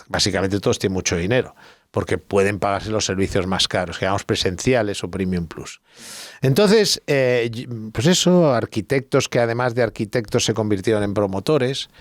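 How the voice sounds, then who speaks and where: A man's voice: fairly low pitch, normal speed, no echo, clean studio sound. A middle-aged man, a guest expert who explains at length, telling anecdotes and thinking aloud in a casual podcast chat.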